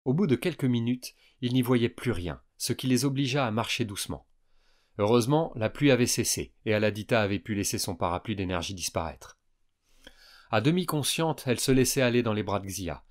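A man calmly narrating a science fiction audiobook for young listeners. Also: medium pitch, fairly quick. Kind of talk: scripted narration.

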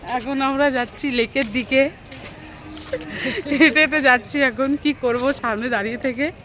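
A woman's voice: high voice, steady tone, normal speed. A woman in her thirties from West Bengal, vlogging casually as she walks outdoors with friends by a lake, filming on a handheld phone. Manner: chatty, narrating the outing as she walks. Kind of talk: casual vlog narration.

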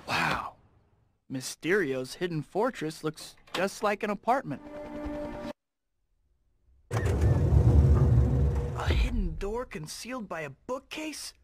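A young video game superhero with a fairly high, lively voice. He is cocky and upbeat, tossing off sarcastic quips. Loud music plays over him. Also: slow pace, long pauses, full character voice. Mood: mocking, amused. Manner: sarcastic, quippy. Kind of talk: video game cutscene acting.

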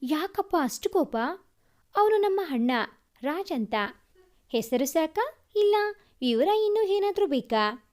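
Cheeky teasing young girl woman doing the voice, high voice, storybook. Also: very animated, takes it slowly, long pauses, a little mellow, heavily acted.

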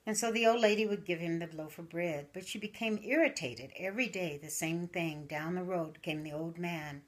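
A grandmother tells a folksy story in her living room, speaking slowly but with animation in a lowish voice as the camera records her.

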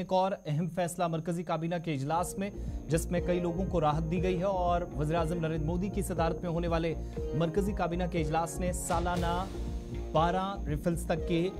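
A man reading scripted television news in a formal, Urdu-flavored register. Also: on the high side. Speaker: news anchor. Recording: studio voice-over with background music.

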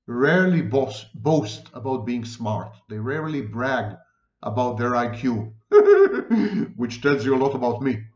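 A psychology lecturer in his sixties whose first language is Hebrew speaks to a desk webcam from a room at home. His ordinary mid-pitched voice is slow, deliberate and emphatic as he gestures and stacks up near-synonyms. The room sounds roomy and the audio is dull and muffled.

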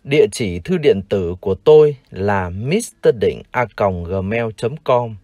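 A Vietnamese man teaching English, who reads each word slowly and repeats it for learners to copy. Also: fairly low pitch, animated, mellow, dry recording, dull audio. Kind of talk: vocabulary lesson, slow model pronunciations.

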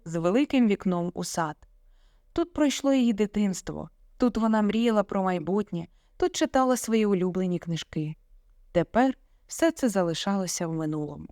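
Brief: woman story narrator, mid-pitched, steady dramatic reading, dry close mic. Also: normal speed, dry recording.

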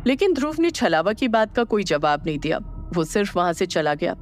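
Scripted audio drama narrator, steady pace, mid voice, soft music bed. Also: mid-range voice, a little fast.

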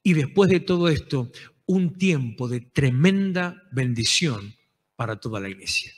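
A man with a Rioplatense Spanish accent preaching a sermon as pastor, impassioned and rising to shouted calls to the congregation. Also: medium pitch, animated, measured pace, big-room sound. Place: church.

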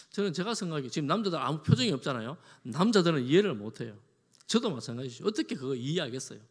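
Male pastor, sermon, chatty rhetorical questions, animated delivery, long church reverb. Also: a little high. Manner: conversational preaching with rhetorical questions to the congregation. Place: church sanctuary.

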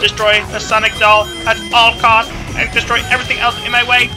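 A man's voice: very high-pitched, flat delivery, a little fast, music in the background. A man voicing a glitching male combat robot that loops commands and error messages while playing a game. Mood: determined. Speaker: let's play commentator. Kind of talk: voicing a game character over gameplay.

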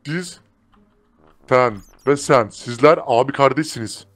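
Game role-play: man voicing a composed wizard, steady mid voice, chants spells, dry mic. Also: medium pitch, measured pace, no room sound, lightly acted. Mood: soothing. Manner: calm, commanding, chants made-up spell words. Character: mysterious male wizard brewing potions and chanting spells.

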